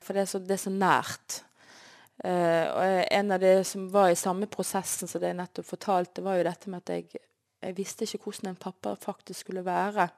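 A woman's voice: lowish voice, fairly even intonation, creaky, a little mellow. A woman sharing an earnest, emotional personal faith testimony as an interview guest. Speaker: guest sharing her life story.

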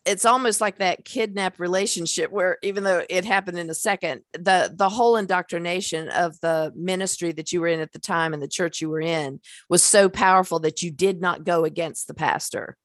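A woman interviews a guest in a casual, conversational style. Her voice is a touch low and recorded dry, with no room sound. She is reactive and affirming as she talks. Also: steady tone, brisk, few pauses, no echo. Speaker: interviewer, host.

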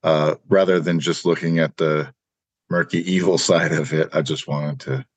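A man's voice: a bass voice, fairly even intonation, no room sound. A man hosting a podcast in casual chat, easygoing and joking. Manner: easygoing, joking, quick to laugh.

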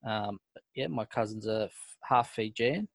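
A man's voice: fairly low pitch, normal speed, creaky, no echo. Australian man, podcast host, laid-back, says mate a lot, dry close sound. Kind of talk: casual podcast chat.

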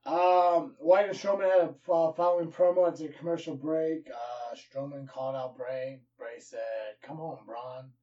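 A man's voice: a little high, a little slow, hardly any pauses. Casual man recapping wrestling, distant muffled mic. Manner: energetic, swears casually, rattles off results. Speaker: podcast co-host.

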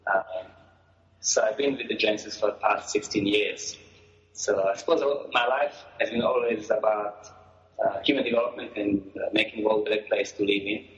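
A middle-aged man speaks in a fairly low voice, pausing often with fillers. He is heard over a dull, muffled call line. The sound is roomy and echoey. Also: steady tone. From Croatia. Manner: hesitant, many fillers and restarts. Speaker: guest. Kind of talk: interview answers. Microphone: phone or call line.

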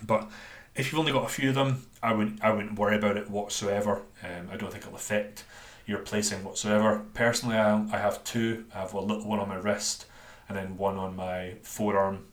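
Scottish guy w dundee accent, lowish voice, rambly casual podcast coach chat, echoey room. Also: flat delivery, a little fast, hardly any pauses. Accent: Dundonian Scottish. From Scotland. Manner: informal, rambling, self-deprecating. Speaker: podcast host and bodybuilding coach. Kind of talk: casual solo podcast talk. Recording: roomy, echoey sound.

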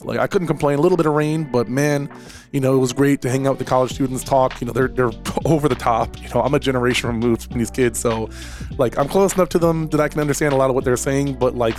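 A man's voice: mid-range voice, a little mellow. A man, hosting a casual solo podcast and talking in a rambling way with repeated words and fillers. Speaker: podcast host and esports director.

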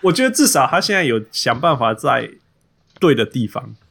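Male podcast host, Taiwanese accent, gravelly fry, casual code-switching into English, repeats himself for emphasis. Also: mid-range voice, sing-song, normal speed, a bit bright. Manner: switches between Mandarin and English mid-sentence. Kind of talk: casual sports chat.

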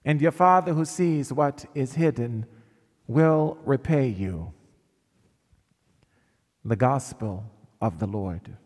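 A male priest leading Mass with measured, solemn reading and sung acclamations, his voice ringing with a cathedral echo in a large church. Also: medium pitch, expressive, a little mellow. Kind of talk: liturgical reading and chanting at Mass. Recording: long church reverb.

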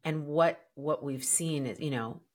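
A woman's voice: low voice, measured pace. A woman co-hosting a dating podcast, reflecting in casual chat with many fillers. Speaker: podcast co-host, dating coach.

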